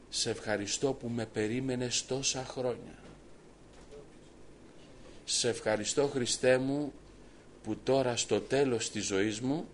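A man's voice: mid-range voice, a little hiss or hum. Man preaching a personal testimony. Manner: storytelling, quotes his father at length. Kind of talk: sermon testimony.

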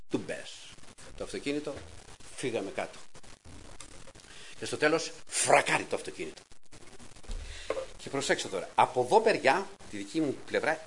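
A middle-aged man giving a testimony sermon to a congregation, telling a story with lively, acted-out dialogue and sudden raised exclamations. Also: medium pitch, a little hiss or hum, rough recording. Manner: animated storytelling, acts out quotes in a raised voice.

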